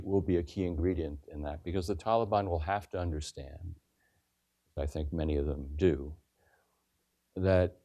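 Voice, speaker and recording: Deep-voiced man on a panel. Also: dark tone. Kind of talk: panel discussion answer.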